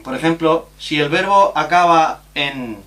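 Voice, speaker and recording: Here a man teaches grammar on a recording, taking the rules at a slow pace and spelling out letters and examples as he goes. The tone is fairly bright and pitched slightly high.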